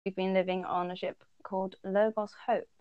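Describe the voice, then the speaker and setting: A woman's voice: mid-range voice, flat delivery, normal speed, smooth, dry recording, muffled recording. A woman from the Netherlands co-hosting a casual podcast chat, talking easily, laughing often and thinking aloud with fillers. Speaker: podcast co-host.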